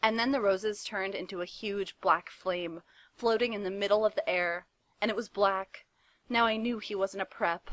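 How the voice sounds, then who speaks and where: A woman giving a dramatic reading of fanfiction in a deadpan, mock-dramatic tone. Her voice sits at an everyday pitch, and the recording is close and dry with no room sound. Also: moderate pace, no room sound. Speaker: reader.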